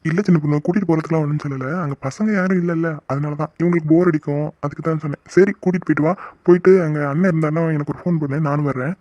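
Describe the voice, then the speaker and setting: A playful cartoon husband who loves to tease his wife's family, voiced by a man. He talks quickly in a slightly high, dry voice. The sound is a bit dull and lo-fi. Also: steady tone, a little mellow, no room sound, natural voice. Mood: friendly. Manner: playful teasing, joking. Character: good-natured teasing husband, brother-in-law. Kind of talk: cartoon voice acting.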